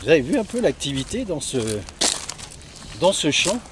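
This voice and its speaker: A man's voice: a little high, big pitch swings, moderate pace. A man hosting a casual outdoor vlog, chatting to the camera and a companion in an enthusiastic, chatty way. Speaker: host of a metal-detecting vlog. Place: outdoors in an open field. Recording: noisy outdoor field recording.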